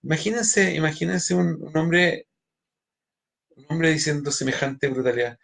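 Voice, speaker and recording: Gravelly-voiced rabbi. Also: male voice, fairly high pitch, a little slow, a bit bright. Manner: many restarts and repeated words, speaks straight to listeners. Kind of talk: spiritual lecture.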